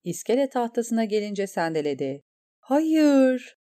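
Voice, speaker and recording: A woman narrating a fantasy novel in a measured, dramatic reading style. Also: on the low side, animated, dark tone. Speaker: audiobook narrator. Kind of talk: scripted narration.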